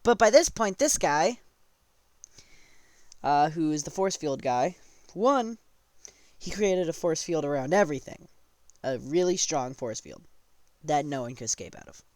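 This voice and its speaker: A man's voice: fairly high pitch, expressive, measured pace, long pauses, no room sound. A man casually retelling a tabletop game session, rambling and often correcting himself mid-sentence. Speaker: storyteller.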